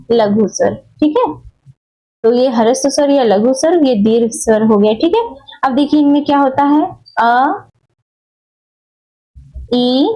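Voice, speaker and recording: On poor audio, a woman with a warm voice that sits high gives an explanatory Hindi grammar class. She repeats herself, keeps checking in with "theek hai," and stretches vowels out to illustrate them.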